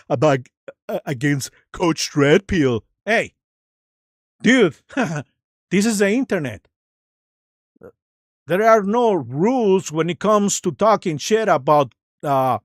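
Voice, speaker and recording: A livestream host talks slowly and haltingly, improvising commentary on videos. The delivery is mocking and sarcastic, ready to argue. The sound is dry, with hardly any room on the voice. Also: mid-range voice, no room sound. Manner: halting, loosely improvised, searching for words.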